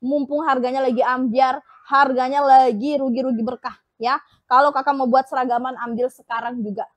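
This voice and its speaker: High-voiced woman doing a live sales pitch. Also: level tone, brisk, no echo. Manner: upbeat, repetitive selling patter with pet names. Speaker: online shop live seller.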